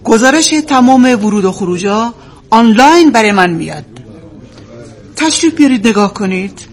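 A woman's voice: a little high, expressive. A stern female office boss. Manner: stern, reprimanding. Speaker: office manager.

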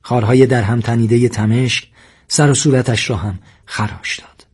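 A man narrating a story in a steady, measured reading voice. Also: medium pitch, husky.

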